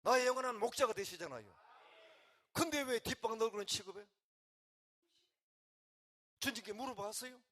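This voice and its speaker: An older man, a pastor from the region, preaching, swinging between quiet, emotional talk and loud calls to the congregation. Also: very high voice, moderate pace, long pauses. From Gyeongsang region, Korea. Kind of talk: sermon.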